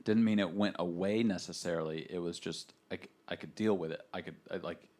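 A man's voice: low voice, fairly even intonation, fairly quick, darkish tone. A man co-hosting a podcast, talking casually and reflectively, with frequent hesitations and restarts. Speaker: podcast co-host. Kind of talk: casual faith podcast chat.

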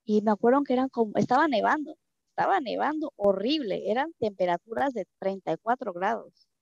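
Mexican woman telling her story in an interview, keeps repeating herself, kinda high voice, dull dry sound. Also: animated, fairly quick, gravelly, darkish tone, no room sound. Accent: Mexican Spanish. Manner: emotional, repeats phrases for emphasis. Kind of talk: personal storytelling. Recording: dull, dry low-fidelity recording.

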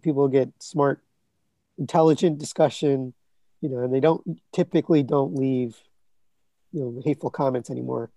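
A podcast guest who reviews collectibles, this scratchy-voiced man in his 30s or 40s rambles casually with many fillers and restarts. He pitches fairly high, with vocal fry and a dark tone, and there's no echo.

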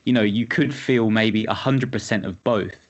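A man hosting a casual podcast, with a somewhat low voice and an easy, rambling way of asking questions. He fills his pauses with little ums as he goes. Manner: relaxed, loose with fillers. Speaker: podcast host.

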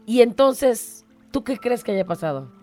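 A woman host with a higher voice tells a moral story in an earnest, dramatic way. Faint music plays beneath her. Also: very animated, unhurried, mellow. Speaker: radio host. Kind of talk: storytelling reflection.

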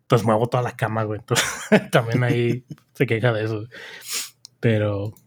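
Relaxed Mexican man rambling casually. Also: lowish voice, moderate pace. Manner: relaxed, rambling explanations with slang. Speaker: podcast co-host. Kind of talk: casual chat.

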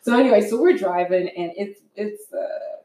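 A young woman chatting casually with her husband, telling stories with lively acted-out voices and frequent laughter. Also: mid-range voice, normal speed, recorded from a distance, slight background noise. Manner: animated storyteller, acts out voices, laughs often. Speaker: co-host of a couples talk show. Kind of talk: casual chat. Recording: roomy sound, off mic.

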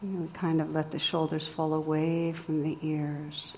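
Slow, low-voiced woman guiding meditation. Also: monotone, big-room sound, slight background noise. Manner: slow, soft and gentle with long pauses. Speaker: meditation teacher. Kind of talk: guided meditation.

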